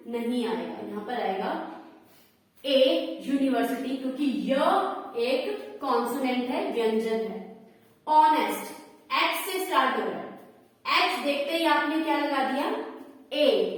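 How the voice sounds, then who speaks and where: A woman teaching an English grammar lesson, asking questions and answering them herself, repeating the key words. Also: high voice. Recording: echoey hall, voice from far off.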